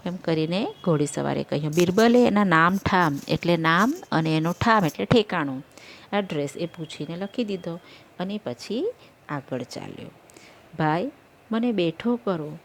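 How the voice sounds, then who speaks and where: A woman's voice: on the low side, slight background noise. A woman teacher reading a story aloud to a class, stopping after each part to explain it again in simpler words with English glosses. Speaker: school teacher.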